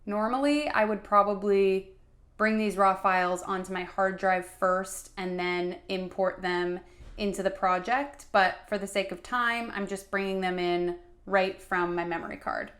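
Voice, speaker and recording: A woman's voice: medium pitch, steady tone, measured pace, a bit bright. A woman stop-motion artist talking through a tutorial in a chatty, casual way, muttering asides as she works. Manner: chatty, talks while working, muttering asides.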